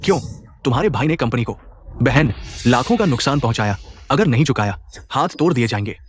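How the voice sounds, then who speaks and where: A threatening thug chasing a debt, voiced by a man. He taunts and menaces, and his lively pitch jumps around as he barks orders. The delivery belongs to a dubbed drama. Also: a little fast, lightly acted. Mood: menacing. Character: menacing young male debt collector thug.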